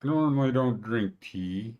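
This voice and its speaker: A man's voice: mid-range voice, lively intonation, a little slow, muffled recording. A man in his fifties hosting a park conditions show, chatting casually in rambling, joking asides. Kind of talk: casual morning vlog chat.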